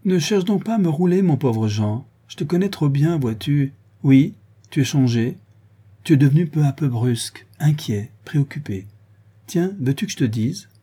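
Man reading as a teasing young woman, dark mellow tone, husky, playful lilt, storybook reading. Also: normal speed. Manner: lively, teasing, higher voice.

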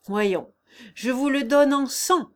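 A woman's voice: sits high, slow. A woman reading the part of an old, proud, hearty peasant carpenter man in an audiobook, in an emphatic, exclamatory manner.

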